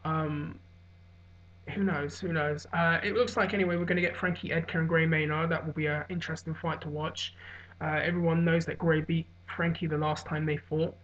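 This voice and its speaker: A hungover man giving a casual, rambling solo recap as a vlogger, musing and hesitant with trailing pauses. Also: a little high, little pitch movement, fairly bright tone. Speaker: vlogger giving fight commentary. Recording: dull, lo-fi sound.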